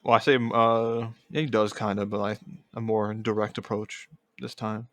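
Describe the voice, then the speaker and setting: A man's voice: fairly low pitch, flat delivery, moderate pace, no echo. A man co-hosting a casual animation podcast, laid-back, laughing often and rambling through asides. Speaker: podcast co-host. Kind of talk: casual chat.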